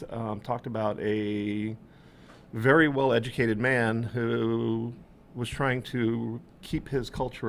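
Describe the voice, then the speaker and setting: A man's voice: mid-range voice, a little hiss or hum. A man from Southern California answering interview questions in a hesitant, thoughtful way. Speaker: guest writer. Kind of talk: casual interview.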